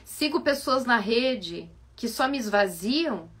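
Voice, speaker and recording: A woman with a Brazilian Portuguese accent, a psychoanalyst giving a reflective live-stream talk full of animated rhetorical questions. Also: fairly high pitch, slow pace, husky. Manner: asks many rhetorical questions, animated and coaxing.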